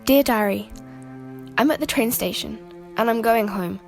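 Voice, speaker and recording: A woman's voice: a little high, moderate pace, gravelly, soft background music. A woman voicing an anxious young runaway. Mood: wistful. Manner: wistful, confiding. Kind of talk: amateur radio play acting. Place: home, recorded alone.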